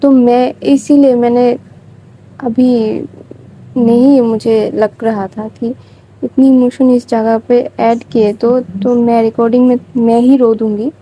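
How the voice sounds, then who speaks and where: A woman's voice: fairly high pitch, little pitch movement, slow, dark tone, breathy edge, rough recording. A woman narrating a story in a chatty, informal way, with confiding asides to listeners.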